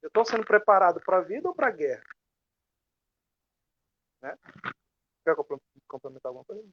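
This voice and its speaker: This speaker talks with passion and emphasis in a casual online live talk. Their pitch sits in the middle, and they keep asking rhetorical questions and acting out bits of dialogue. The video-call audio is somewhat muffled. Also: very animated, moderate pace. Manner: impassioned, emphatic, asks many rhetorical questions. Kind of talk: casual live-stream discussion.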